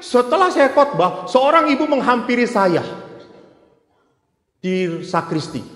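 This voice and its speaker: A priest delivering a sermon, telling stories and acting out both sides of the dialogue. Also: male voice, very high voice, big pitch swings, a little slow, fairly bright tone. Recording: echoey hall recording.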